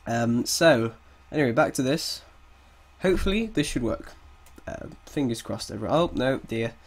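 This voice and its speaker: A game development tutor with a cold, his mid-range voice slightly croaky yet expressive, talks through a casual screen-recorded coding tutorial. He thinks aloud as he types, pausing hesitantly and chuckling at his own mistakes, with keyboard clicks in the background.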